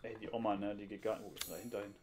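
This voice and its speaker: A lowish, steady male voice races through loose, joking chatter while he plays a horror game. It's a casual let's-play recorded on a headset at home, and the background is noisy.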